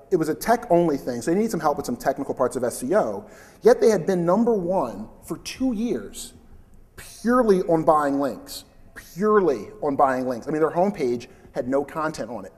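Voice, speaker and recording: Conference speaker, male, loud and chatty, reverberant hall. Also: fairly high pitch. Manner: loud, chatty, invites interruptions. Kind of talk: live conference presentation.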